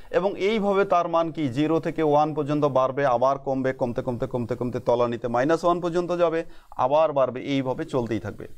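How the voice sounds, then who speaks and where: A middle-aged man with a Bangladeshi Bengali accent teaching a math lesson, asking questions and answering them himself, spelling terms out slowly. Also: fairly high pitch.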